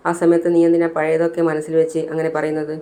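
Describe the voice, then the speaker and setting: A woman's voice: low voice, completely flat delivery, fast talker, warm tone, natural voice. A narrator voicing a scheming woman who scolds and reasons with the mother. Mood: scolding. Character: scheming young woman, impatient.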